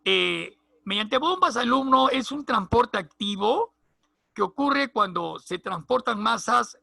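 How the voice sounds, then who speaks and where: Gravelly, bright-voiced male biology teacher. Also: very high voice, expressive, slow pace, no room sound, studio quality. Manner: repeats key terms, checks in with "¿ya?" and "¿no?". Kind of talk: recorded lecture.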